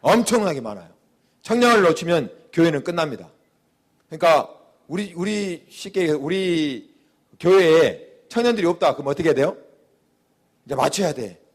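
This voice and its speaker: A man preaching a sermon as a pastor, animated, acting out little quoted voices as he goes. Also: fairly high pitch, moderate pace, pauses often.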